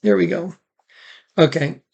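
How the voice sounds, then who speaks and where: Recording a phone statement, a man talks casually and informally, rambling a bit as he documents it in a conversational way. His high voice is husky and a little mellow, with vocal fry, and he keeps a measured pace.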